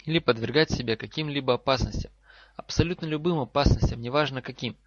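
Мужчина читает за встревоженного отца-профессора, говорит взвешенно и наставительно; запись сухая, немного глуховатая. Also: male voice, mid-range voice, fast talker, no room sound, natural voice. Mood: urgent. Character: worried professor father, earnest and firm. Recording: slightly dull lo-fi recording.

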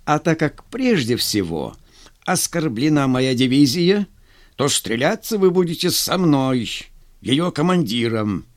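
A man voicing a stern, contemptuous army general who speaks gruffly, in a commanding way. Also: mid-range voice, sing-song, unhurried, no room sound, studio quality. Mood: stern scorn.

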